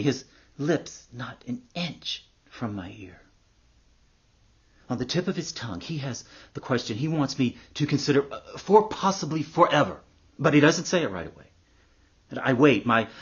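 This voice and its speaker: Brief: man performing a sardonic, foul-mouthed, embittered middle-aged man, mid-pitched and husky. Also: muffled recording. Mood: hushed, wry. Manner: sardonic and profane, hushed storytelling turning to loud ranting. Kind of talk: acted dramatic monologue.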